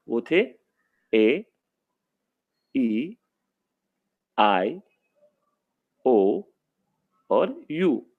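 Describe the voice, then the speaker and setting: Patient male teacher, slow vowel drills. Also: medium pitch, narrow, tinny audio. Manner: patient, drawn-out vowel sounds, addresses children often. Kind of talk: online class lesson for young children.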